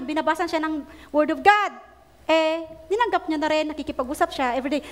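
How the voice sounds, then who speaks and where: A woman preacher, telling a story in her sermon with animated delivery and English phrases mixed in. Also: very high voice. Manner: animated storytelling, acting out quoted prayers; mixes Tagalog with English phrases.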